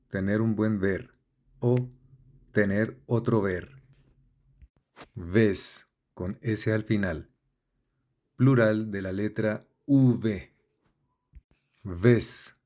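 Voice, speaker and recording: A man with a fairly low voice reads a word list in an unhurried lesson style. He takes each entry slowly and deliberately, spelling out letters before giving the meaning. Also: a little mellow. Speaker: vocabulary instructor. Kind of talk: slow dictionary-style reading of a word list.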